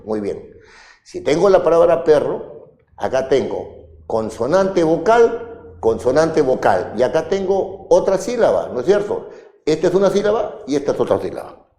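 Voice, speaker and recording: A man's voice: fairly high pitch, mellow, in a large hall. A male instructor giving a classroom lecture, often checking with his students whether they follow. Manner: questioning, checks understanding with "¿no es cierto?". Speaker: law school instructor.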